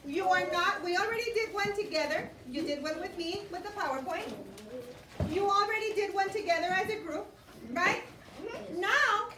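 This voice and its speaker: A woman elementary school teacher giving young children classroom instructions, prompting them with questions and repeating what they need to do. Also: very high-pitched. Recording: roomy, distant classroom recording with clear noise.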